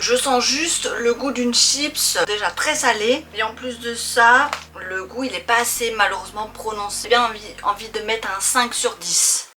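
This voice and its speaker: A woman's voice: medium pitch, bright, forceful tone. A woman hosting a casual, chatty tasting vlog, speaking informally and playfully to her viewers. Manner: informal, playful familiar address with pet names. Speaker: host of a snack-tasting video.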